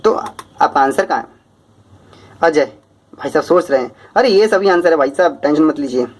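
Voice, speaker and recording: Male teacher, lively and quick, out of breath, reading viewer comments in his class. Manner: lively, talks fast, rises in pitch.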